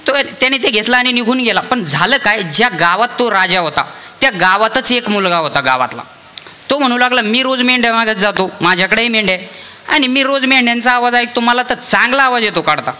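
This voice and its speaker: A man's voice: very high voice, animated, a little fast, sharp tone. A young man preaching a devotional sermon, telling a parable and acting out the lines of each person in the story, with calls to the deity between passages. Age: young adult. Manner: tells a parable and acts out each speaker's lines. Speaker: kirtan preacher.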